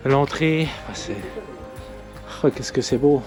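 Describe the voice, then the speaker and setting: A man narrating a casual hiking vlog outdoors, talking haltingly with many fillers and restarts. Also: medium pitch, over music. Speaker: hiking vlogger. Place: outdoors on a forest trail.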